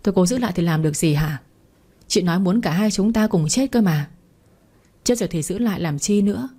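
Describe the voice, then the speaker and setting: A woman's voice: medium pitch, brisk, mellow, husky, close to an everyday voice. A woman voicing a frightened young woman who pleads urgently. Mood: pleading.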